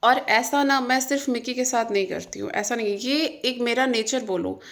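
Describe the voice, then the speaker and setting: A young woman vlogger with a fairly high, fairly bright voice talks casually to the camera at normal speed. Frustrated and venting, she earnestly and emphatically recounts a fight.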